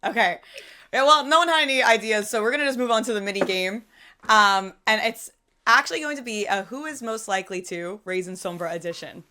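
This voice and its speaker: A woman's voice: on the high side, a little fast, pushed and bright, slight background noise. A woman hosting a casual live interview, upbeat, reading out questions. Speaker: interview host.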